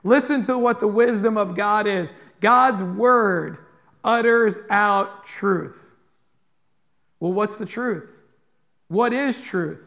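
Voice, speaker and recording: A man's voice: high-pitched, slow, gravelly, long pauses, fairly bright tone. A male pastor delivering a sermon to a congregation, earnest and direct, often putting questions to his listeners. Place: church in front of a congregation.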